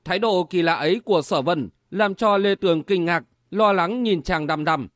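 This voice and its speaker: A man narrating a martial-arts romance audiobook in a steady, even reading manner. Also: high-pitched, moderate pace, dry recording, clean studio sound. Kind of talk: storytelling narration.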